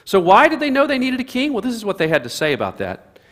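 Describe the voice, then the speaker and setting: A man's voice: sits high, wildly swooping pitch, fast, a bit bright. A man preaching a sermon, earnestly explaining scripture and reading passages aloud with rising emphasis. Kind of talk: sermon on a psalm. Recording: long hall reverb.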